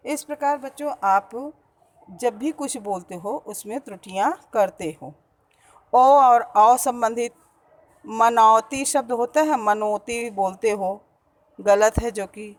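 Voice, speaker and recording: Slow-spoken woman teacher. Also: on the high side, rough recording. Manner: slow, patient, repeats each word to stress correct pronunciation. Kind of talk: school grammar lesson.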